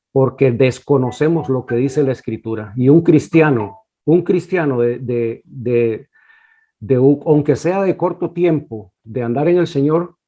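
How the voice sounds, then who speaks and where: A man giving his opinion in an online Bible class, earnest and halting, repeating words. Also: medium pitch, mellow. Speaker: class participant.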